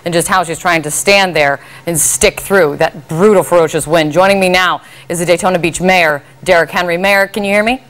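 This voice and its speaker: Female news anchor, lower register, live broadcast interview style, studio setting. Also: steady tone, a little fast, hardly any pauses, a bit bright.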